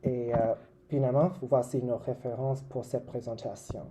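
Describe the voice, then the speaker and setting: Halting presenter with a mid-pitched voice. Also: steady tone, warm tone, rough recording. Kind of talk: formal slide presentation.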